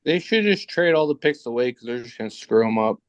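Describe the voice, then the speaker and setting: A man's voice: medium pitch, animated, fast talker, no room sound, muffled recording. A man co-hosting a sports podcast, tossing out sarcastic wisecracks. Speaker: podcast co-host. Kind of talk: casual sports chat.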